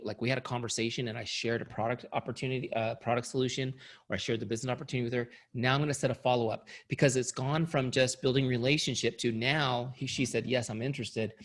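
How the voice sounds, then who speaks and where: A middle-aged founder and trainer speaks fast in a steady, medium-pitched voice that's starting to fail him. His sales training talk is upbeat and coaching, punctuated by frequent "right?"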